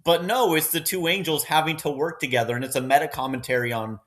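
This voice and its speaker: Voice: medium pitch, quick pace. A podcast co-host chatting casually with friends and acting out characters' lines. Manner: animated, acts out characters' lines. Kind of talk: casual banter.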